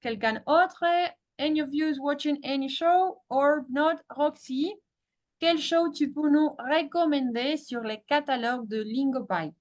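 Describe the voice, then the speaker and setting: A woman with a French accent leads an online language class. Her voice sits high and she speaks slowly, often doubling words like "super, super". She hops back and forth between French and English on a video call. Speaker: French teacher hosting a webinar.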